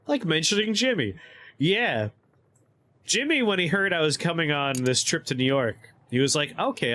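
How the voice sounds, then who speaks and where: Excitable male game streamer, lively pitch. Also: a little hiss or hum. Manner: chatty, excitable, laughs often. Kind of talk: casual let's-play chat, reading game text aloud.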